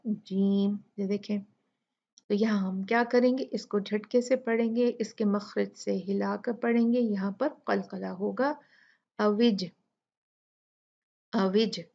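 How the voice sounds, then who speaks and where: A woman teaching Quran recitation rules in a tajweed tutorial, explaining patiently step by step and repeating examples slowly. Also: fairly high pitch, lo-fi sound.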